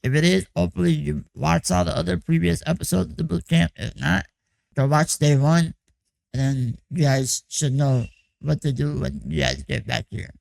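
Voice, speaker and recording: A young man with a hoarse, heavily gravelly, croaky voice, fairly high-pitched for a man, updates his viewers in a casual vlog check-in on a music production course. He rambles loosely, leaning on "like" and "you know," with a steady, darkish tone at normal speed.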